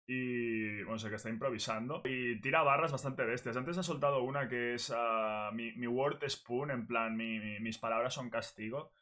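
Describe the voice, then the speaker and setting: A man's voice: medium pitch, moderate pace, few pauses, sharp tone. A man with an accent from Spain giving casual, chatty commentary while reacting to a freestyle. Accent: Spanish from Spain. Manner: chatty, explains as he goes. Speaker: reaction video host.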